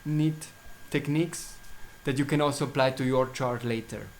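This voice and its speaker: A Swiss man, German his first language, speaks English in a relaxed solo video about the astrology services he offers. His mid-range voice has fairly even intonation, there's a little hiss or hum, and he halts often, restarting and using fillers.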